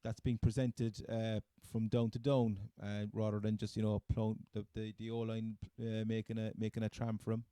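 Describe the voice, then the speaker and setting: Male podcast co-host, Cork accent, very soft mellow tone, close dry sound, halting casual sports chat. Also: lowish voice, monotone, clear, resonant tone, no echo. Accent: Cork, Irish. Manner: halting, hesitant phrasing.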